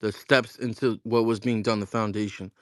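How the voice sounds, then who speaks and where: A man's voice: lowish voice, steady tone, moderate pace, no echo. A man chatting casually, a founder telling stories and acting out both sides of a conversation, full of slang like bro and dude and frequent swearing. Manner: slangy and profane, addressing listeners as bro and dude. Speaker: crypto project founder. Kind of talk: casual chat on a live audio space.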